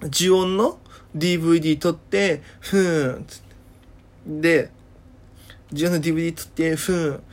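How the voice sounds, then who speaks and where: A man imitating a loud, chatty teenage delinquent girl with an Okinawan accent who keeps dropping a drawn-out filler sound between her phrases. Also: fairly high pitch, steady tone, natural voice. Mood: gossipy.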